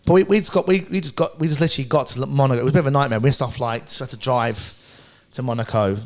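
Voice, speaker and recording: A man, co-hosting a casual podcast chat and telling a story in quick, animated bursts. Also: medium pitch. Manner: fast, animated storytelling with swearing and laughter. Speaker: podcast co-host.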